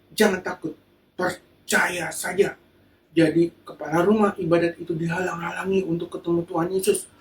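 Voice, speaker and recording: A children's church teacher telling a Bible story to kids in a lively way and acting out the quotes. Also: medium pitch, recorded from a distance, slight background noise. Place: church hall. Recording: echoey room, voice from afar.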